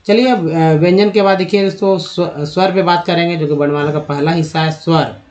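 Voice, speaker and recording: A man teaching English reading in a slow spoken lesson, reading word lists aloud and speaking to viewers as friends. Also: a little high, fairly even intonation, darkish tone. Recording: dull lo-fi recording.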